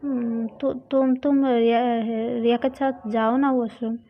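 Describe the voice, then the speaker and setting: A woman's voice: fairly high pitch, little pitch movement, slow pace. A woman voicing a shy young college woman who hesitates and stammers. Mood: flustered. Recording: dull lo-fi recording.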